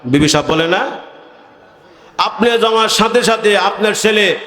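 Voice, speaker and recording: Male preacher, high voice, folksy storytelling, calls on the audience, long reverb. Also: measured pace. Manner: colloquial, questions the audience. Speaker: Islamic preacher. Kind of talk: Bengali sermon with storytelling. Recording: echoey hall over loudspeakers.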